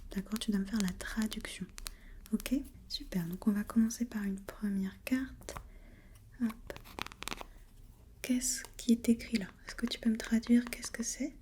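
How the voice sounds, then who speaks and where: In an ASMR role-play as an examiner, a woman whispers breathily, gently asking step-by-step questions and offering short encouragements. Her voice is on the high side, and the recording carries a little hiss or hum.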